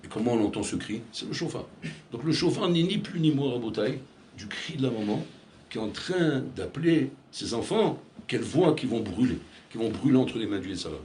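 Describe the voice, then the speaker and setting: A man's voice: mid-range voice, slight background noise. A man giving an impassioned sermon as a rabbi, telling a story with many repeated phrases and direct calls to his listeners.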